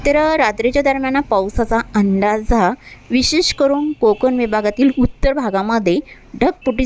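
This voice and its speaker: High-voiced woman reading a weather forecast. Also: a little mellow. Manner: rattles off long lists of place names. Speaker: weather update presenter. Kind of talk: reading a regional rain forecast.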